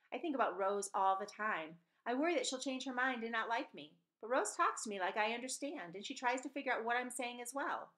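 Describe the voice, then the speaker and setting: In a small room at home, a middle-aged woman reads from a children's novel, her medium-pitched voice fairly bright as she gives the dialogue changed voices. She's recorded indoors on a webcam or laptop microphone from desk distance.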